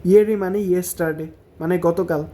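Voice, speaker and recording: Slow, mellow-voiced man teaching Italian words. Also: high voice, fairly even intonation. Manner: repeats each word slowly, syllable by syllable. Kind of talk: language lesson.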